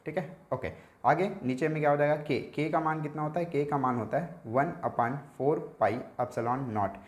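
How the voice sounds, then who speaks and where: A male physics teacher at an ordinary mid pitch gives an exam revision lecture, recorded in a noticeably echoey room. He works through each step slowly and keeps checking that his students are following along. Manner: explaining slowly, repeating himself with frequent "ठीक है" checks.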